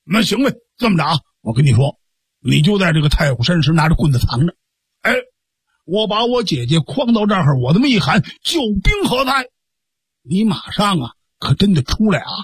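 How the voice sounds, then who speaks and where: A man's voice: high-pitched, very animated, a little fast, husky, no echo, heavily acted. A man voicing a simple-minded young man who whines and pleads tearfully. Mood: eager. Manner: pleading, tearful, childish whining. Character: whiny simple-minded young man, bullied little brother.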